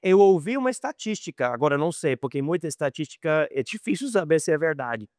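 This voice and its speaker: American man teaching, high voice. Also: sing-song, fast, darkish tone, no room sound, clean studio sound. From United States. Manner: conversational, repeats and restarts words, acts out quoted dialogue. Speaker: missionary teacher. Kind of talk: informal Bible lesson.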